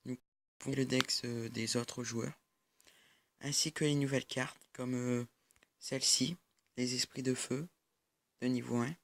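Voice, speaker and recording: A man's voice: mid-range voice, flat delivery, a little slow, vocal fry, long pauses, slight background noise. A young man giving casual mobile-game commentary over a recording of his screen, hesitant and full of fillers. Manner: hesitant, many fillers and restarts. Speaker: gaming YouTuber.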